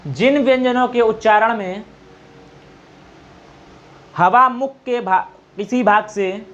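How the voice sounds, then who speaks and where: A man's voice: high voice, a bit bright. Male teacher drilling sounds, dull lo-fi. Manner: quizzing, repeats answers, asks "okay?" often; demonstrates sounds slowly. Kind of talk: exam-prep grammar lesson. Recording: dull lo-fi recording.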